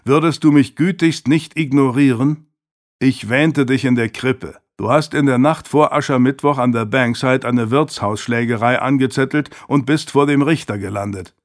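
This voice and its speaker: A man's voice: medium pitch, close to an everyday voice. A man voicing a stern, reproachful older merchant uncle in an audiobook reading. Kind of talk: audiobook character voice.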